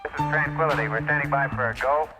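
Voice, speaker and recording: A man's voice: a little high, steady tone, fast talker, big-room sound. A man playing an astronaut reporting in over a walkie talkie style radio link, with terse radio procedure. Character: male astronaut calling in by radio. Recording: distant voice under loud music.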